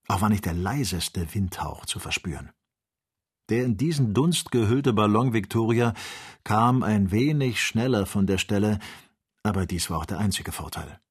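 Male narrator, audiobook, measured storytelling, husky, low. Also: lively intonation. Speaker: audiobook reader.

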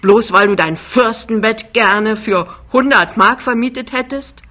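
An anxious young husband, halting yet insistent as his voice climbs, as a woman reads him. The tone is bright and sharp. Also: on the high side, pitched above the performer's own voice. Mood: upset. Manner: halting, pleading, rising.

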